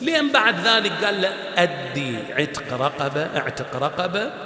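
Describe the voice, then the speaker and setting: A man preaching a sermon, telling the story with rhetorical questions and rising to near-shouts. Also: high-pitched, expressive, normal speed. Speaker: shaykh preaching. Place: large prayer hall. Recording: echoey hall with long reverb.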